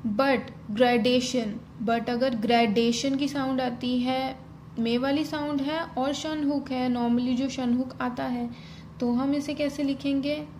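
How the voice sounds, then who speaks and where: Slow, high-voiced woman teaching. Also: fairly even intonation, a little mellow. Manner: spells out strokes one by one, mixing Hindi and English. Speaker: shorthand teacher. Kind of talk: slow step-by-step tutorial. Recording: faint ambient noise.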